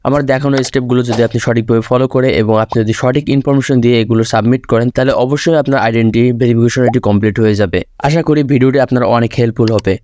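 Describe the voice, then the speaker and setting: A man's voice: medium pitch, a little mellow, no echo, clean studio sound. A man narrating a screen-recorded tutorial, walking the viewer through each step directly. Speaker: tutorial host.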